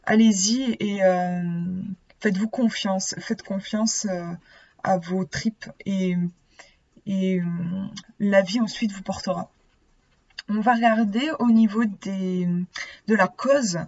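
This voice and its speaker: Husky woman with a lisp. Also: medium pitch, darkish tone, muffled recording. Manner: hesitant, searching for words. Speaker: oracle card reader. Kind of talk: casual card reading, with passages read from a booklet.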